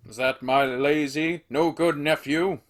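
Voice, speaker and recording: An actor playing Scrooge, a bitter, scornful old miser who dismisses everyone with gruff outbursts. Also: male voice, a little high, steady tone, measured pace, lightly acted. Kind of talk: amateur radio play acting.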